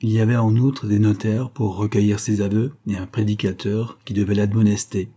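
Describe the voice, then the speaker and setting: A man narrating a history book as an audiobook, in a measured, even reading. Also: lowish voice.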